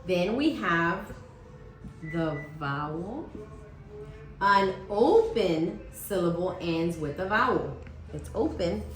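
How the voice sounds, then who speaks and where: This is a woman teacher with a low, animated voice, speaking slowly during a demonstration reading lesson. She is patient and frequently checks in with "okay?", and the room sounds echoey with faint ambience.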